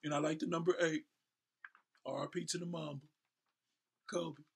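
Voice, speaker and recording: A slightly high, flat voice with vocal fry and a breathy edge comes at a normal speed. It belongs to an American host and professional event MC in his thirties from Houston, Texas, who reads aloud playfully with casual asides, ad-libs and shout-outs.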